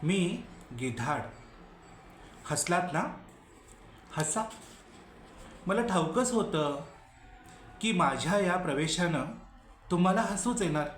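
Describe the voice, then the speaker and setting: A man's voice: high-pitched, lively intonation, slow pace, long pauses, fairly bright tone, a little hiss or hum, heavily acted. A man performing a solo stage monologue as a weary, scorned male vulture who pleads with an audience and answers hecklers wryly. Heard in an echoey room with faint music behind. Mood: wry pleading. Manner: pleading, wry, talking back to unseen hecklers. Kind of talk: Marathi solo dramatic monologue.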